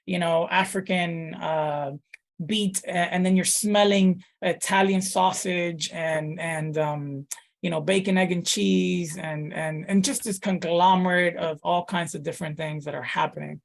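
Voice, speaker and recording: A man's voice: high voice, fairly even intonation, measured pace, vocal fry. A man in his thirties from the Dominican Republic, a pastor talking casually in an interview, thoughtful, with many fillers and restarts. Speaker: pastor, guest.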